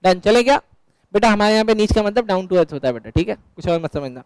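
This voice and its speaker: High-voiced joking teacher. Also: male voice, lively intonation, fast talker, clear, resonant tone, rough recording. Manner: joking, quizzing students, mixing English terms. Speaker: accounts teacher. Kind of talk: classroom lecture. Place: classroom.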